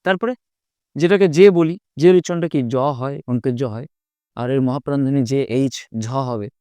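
Patient, smooth-voiced man teaching English sounds. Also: medium pitch, animated, a little fast, mellow, no echo. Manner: explains patiently, often asks "right?" to check understanding. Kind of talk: spoken language lesson.

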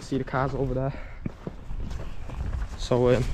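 A man's voice: mid-range voice, completely flat delivery, slow pace, noisy background. A man with a Northern English accent, chatting casually as he hosts an outdoor hiking vlog. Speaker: vlog host. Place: outdoors on hills and woodland trails.

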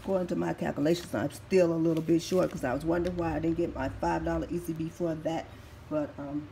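Speaking in a deep, raspy voice, a woman in her 50s slowly walks viewers through her shopping haul and reads the prices off receipts methodically. She is a couponing vlogger recovering from surgery, giving a casual walkthrough. The clip comes from a phone camera held over the items in an echoey room at home, with faint noise behind her.

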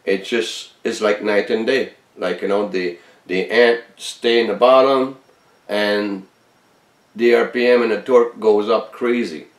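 A man's voice: lowish voice, fairly even intonation, measured pace, far from the mic. A man who is sick with a virus talks bluntly and emphatically, repeating himself as he demonstrates his inventions. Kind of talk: casual workshop video talk. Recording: roomy sound from off-mic.

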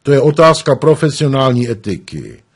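Curt cold hired killer, a guy reading it out, kinda husky, talks flat and blunt. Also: mid-range voice. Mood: prim. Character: male assassin, cold professional killer.

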